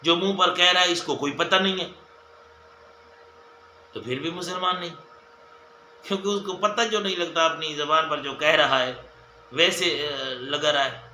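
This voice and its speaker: Bright, echoey male religious teacher. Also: on the high side, long pauses, slight background noise. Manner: repetitive, enumerating points, addressing viewers as dear friends. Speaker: mufti giving a hadith lesson. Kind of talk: religious lesson. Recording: echoey room with faint ambience.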